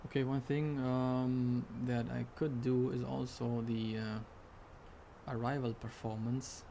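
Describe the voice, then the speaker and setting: Guy streaming a flight sim, monotone n bit gravelly, muttering to himself, faint noise behind. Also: mid-range voice, slow pace. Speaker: flight sim streamer playing airline pilot. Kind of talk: live stream commentary, thinking aloud.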